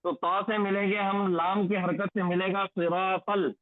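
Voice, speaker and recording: A man with a high voice teaches a Quranic Arabic recitation lesson, slowing down to drill each phrase again and again. The sound is thin and phone-like, with a dry, close feel and no room around it. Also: flat delivery, dry recording. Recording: tinny phone-like lo-fi audio, dry.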